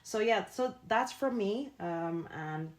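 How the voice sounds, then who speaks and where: A woman's voice: mid-range voice, expressive, slow pace. A young woman from Indonesia, the founder and host of a podcast, talking earnestly with many fillers. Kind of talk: casual podcast chat.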